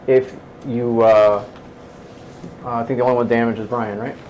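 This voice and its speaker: A man's voice: mid-range voice, little pitch movement, darkish tone, highs cut off. Give me a male game master narrating a tabletop game, faint hiss behind. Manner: explains rules, halting restarts.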